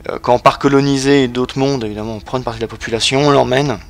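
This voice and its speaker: A man's voice: medium pitch, steady tone, fast talker, creaky. A man losing his voice, giving casual, hesitant commentary while showing a strategy game, with many fillers and restarts. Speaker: let's play host.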